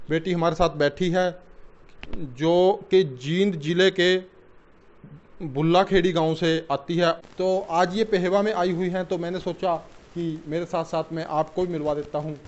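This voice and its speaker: A man interviews a guest for a local news channel. His voice sits a little high and comes through a dull, lo-fi recording. He asks friendly questions and often pauses on a filler. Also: darkish tone. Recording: dull lo-fi sound.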